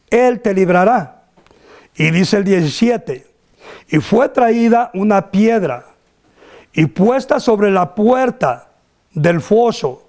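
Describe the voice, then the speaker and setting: A male pastor who reads scripture slowly and deliberately, then prays in fervent, repeated phrases. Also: sits high, darkish tone. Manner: slow, deliberate reading that builds into fervent, repetitive prayer. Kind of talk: sermon scripture reading and prayer.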